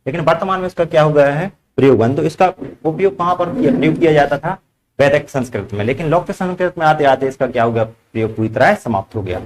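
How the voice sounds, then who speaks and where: A man's voice: on the high side, expressive, quick pace. A man teaching a grammar lesson to a class, asking the students questions and repeating their answers back. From India.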